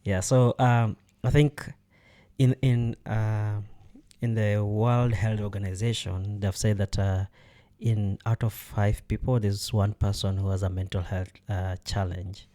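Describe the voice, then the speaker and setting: Low, mellow-voiced male podcast host. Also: flat delivery, unhurried. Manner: hesitant, many fillers, laughs often. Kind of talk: casual conversation.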